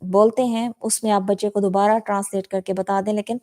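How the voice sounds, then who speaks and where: A woman teaching spoken English in an online class. She says model sentences slowly and clearly for students to repeat, and calls out student names to check their answers. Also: medium pitch, flat delivery, mellow. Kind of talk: online class, bilingual drill.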